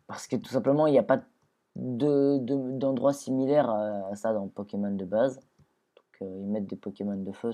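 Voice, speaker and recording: A man's voice: medium pitch, warm tone. A man giving casual, rambling gameplay commentary, often restarting sentences and talking to the creatures in the game. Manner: rambling, self-correcting, talks to his creatures.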